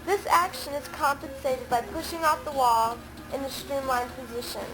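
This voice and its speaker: A woman's voice: high-pitched, normal speed, music in the background, poor audio. A woman carefully reading a prepared school report aloud, captured on old camcorder audio. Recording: hissy old home camcorder recording.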